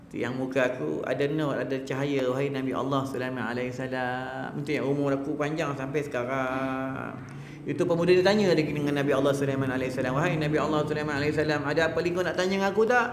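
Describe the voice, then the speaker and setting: A man's voice: mid-range voice, a little hiss or hum. A man with a Malaysian Malay accent giving an evening mosque lecture, telling a story with humour and acting out its voices. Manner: animated, joking, acts out voices in the tale. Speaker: religious teacher. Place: mosque hall. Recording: echoey hall with long reverb.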